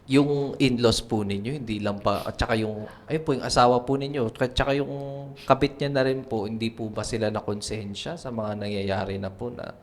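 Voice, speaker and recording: A man's voice: medium pitch, steady tone, moderate pace. A man interviewing a guest, asking long, polite, winding questions.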